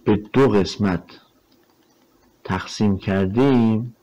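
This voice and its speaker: A man gives a recorded math lecture in a fairly low voice. He talks in a relaxed, conversational way, working through the problem step by step and answering his own rhetorical questions with frequent fillers. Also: muffled recording. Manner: explains step by step while drawing on a board. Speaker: math teacher.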